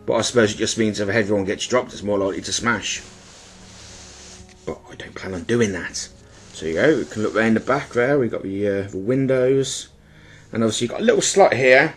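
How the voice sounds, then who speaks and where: Soft music runs under a fairly low, expressive male voice that moves a little fast. Blocked up and stuffy-nosed, he gives casual, rambling, apologetic unboxing-style commentary while showing an item in his own video.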